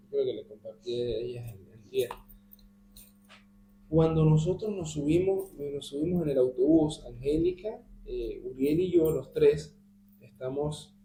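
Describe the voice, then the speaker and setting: A man's voice: on the high side, vocal fry, warm tone. A man in a Bible study group recounting a personal experience, dropping almost to a whisper when he quotes his prayers. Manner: vivid storytelling that drops to a near-whisper when quoting prayers. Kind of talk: telling a personal story in conversation. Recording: echoey room with faint hum.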